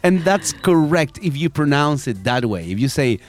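A lively radio co-host, a man with a slightly high voice, speaks unhurriedly in a studio. He explains things energetically, switching between Spanish and English during a bilingual educational chat about English accents.

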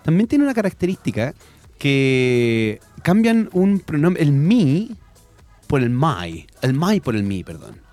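Lively man co-hosting radio. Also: on the high side, slow pace, faint music behind. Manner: lively, explanatory, switches between Spanish and English. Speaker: radio show co-host. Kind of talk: bilingual educational radio chat about English accents. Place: radio studio.

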